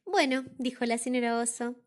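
An Argentine woman reading a storybook aloud to her young nephew, expressive and gentle. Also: on the high side, moderate pace. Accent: Argentine Spanish.

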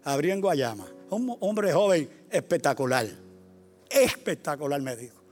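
An older man, a retired pastor preaching a sermon, repeating his phrases and swinging between quiet storytelling and loud exhortation. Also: a little high, very animated, measured pace, soft background music. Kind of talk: sermon with personal stories.

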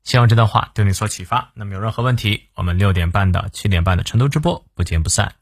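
A man hosts a short daily English lesson, going through a quote phrase by phrase in English and Chinese. His voice sits a little low and has a husky edge. It is recorded close and dry, with no room sound. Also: quick pace, no echo. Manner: explains phrase by phrase, switching between English and Chinese. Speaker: English teacher, podcast host.

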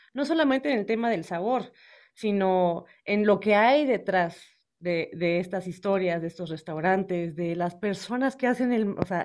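A bubbly woman with a northern Mexican accent hosts a relaxed food podcast. She talks in a chatty, filler-heavy way at a middle pitch. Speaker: podcast host. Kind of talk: casual podcast chat.

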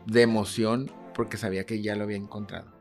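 A man's voice: fairly low pitch, fast talker, soft background music. A man, a life coach, telling his own story in a casual conversation and acting out the dialogue. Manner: animated, acts out dialogue in quotes.

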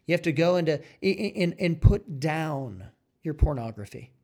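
A man preaching a fiery sermon, exhorting forcefully with repeated phrases and rising emphatic peaks. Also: on the high side, expressive, moderate pace.

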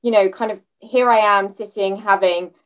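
A woman hosts a conversational interview, her mid-pitched voice picked up from a little way off the mic. She asks long, reflective questions in a thoughtful, considered way. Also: steady tone, moderate pace, a bit bright, far from the mic, rough recording. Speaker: podcast host.

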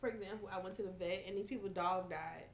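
A woman's voice: mid-range voice, fast talker. A woman co-hosting a casual podcast, telling blunt stories and laughing a lot. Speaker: podcast co-host.

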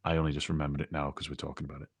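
A man with a very low voice talks on a podcast, reflective and casual, stopping to restart his sentences. The sound is dry and close, with no room behind it. He speaks from his own experience. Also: flat delivery, racing, husky, dry recording. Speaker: podcast co-host.

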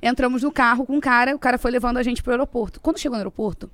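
A young Brazilian woman telling a story in casual chat as a guest, animated and laughing often. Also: fairly high pitch, rapid-fire, no echo.

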